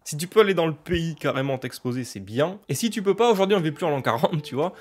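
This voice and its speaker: A young French man vlogging casually and with enthusiasm, laughing often and speaking in slang. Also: on the high side. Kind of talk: casual vlog talk.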